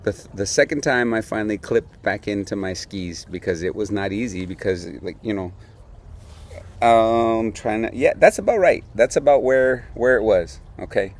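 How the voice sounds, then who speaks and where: Young adult male host with a lowish voice, relaxed anecdote delivery with lively quoted voices. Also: normal speed. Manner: animated, laughs often, acts out quotes. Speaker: beer podcast host. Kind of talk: casual storytelling.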